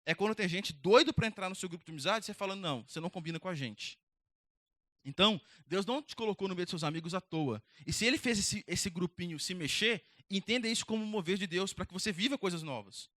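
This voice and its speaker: Fast, high-voiced young preacher. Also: male voice, dry recording. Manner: energetic, direct, conversational preaching. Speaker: youth pastor. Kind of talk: youth sermon.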